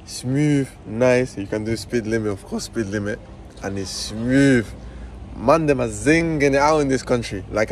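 London roadman vlogger over clear road noise. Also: medium pitch. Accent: London roadman, multicultural street slang. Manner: slangy, repeats short phrases for emphasis. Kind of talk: casual road-trip vlog chat to viewers. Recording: noisy car and street ambience.

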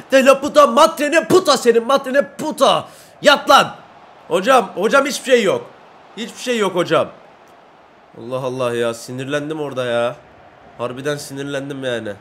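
A young man giving live commentary while playing a football video game, excitable and boastful, shouting at his teammates and chanting when he scores. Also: on the high side, slight background noise. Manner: excitable, bursts into shouts and sing-song chants at goals; brags and grumbles at teammates.

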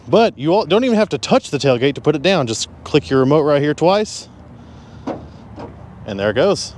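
A man's voice: fairly high pitch, very animated, moderate pace, darkish tone, slight background noise. A man giving a casual walkaround review of a pickup truck, talking in a folksy, conversational way as he points out features. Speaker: car reviewer. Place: in and around a pickup truck at a dealership.

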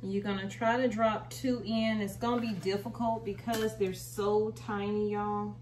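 In a small room at home, an American woman hosts a gardening video, giving a relaxed, folksy how-to demo. She speaks a little slowly in a mid-range, slightly mellow voice with little pitch movement. Recorded by a camera a short way off, the audio is roomy and distant with faint noise.

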